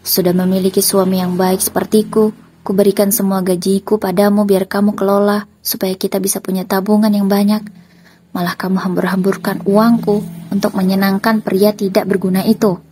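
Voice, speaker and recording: A woman's voice: medium pitch, little pitch movement, fairly quick, dark tone, slight background noise, natural voice. A woman voicing a betrayed husband who speaks in a stern, threatening way. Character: betrayed husband, cold and angry.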